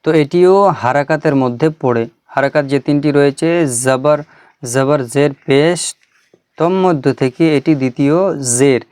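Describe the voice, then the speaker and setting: A man teaching Quran reading who explains briskly and then recites letter drills slowly and clearly. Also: a little high, darkish tone, dry recording, clean studio sound. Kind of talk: recitation lesson.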